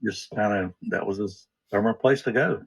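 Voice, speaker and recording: A man's voice: lowish voice, moderate pace, creaky, slightly rough, low-quality recording. A man as a podcast guest, talking in an easygoing, rambling way. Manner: easygoing, rambling, restarts often. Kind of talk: casual interview chat.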